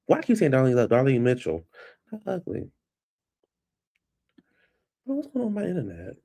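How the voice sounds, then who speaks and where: Here a man with a blocked nose and a voice that's giving out does a casual, meandering solo chat at his computer at home, vlog-style, calling viewers "baby." His mid-range voice has huge pitch swings, vocal fry and a mellow sound, and he speaks at a normal speed.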